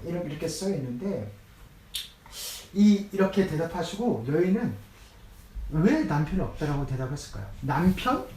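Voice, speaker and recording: A man pastor with a slightly high, dark-toned voice preaches a sermon in a church sanctuary, talking conversationally and dramatizing scripture quotes. It's recorded from a distance in an echoey room with slight hiss or hum.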